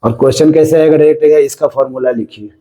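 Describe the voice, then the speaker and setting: Mellow-voiced Indian man teaching chemistry. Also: fairly high pitch, steady tone, quick pace, rough recording. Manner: explains step by step, often checking "है ना?". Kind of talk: classroom-style lecture.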